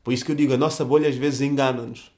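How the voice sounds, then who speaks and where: A man's voice: mid-range voice, steady tone, racing, a little mellow. A young man with a European Portuguese accent, talking in a casual reflective monologue full of slang, restarts and fillers.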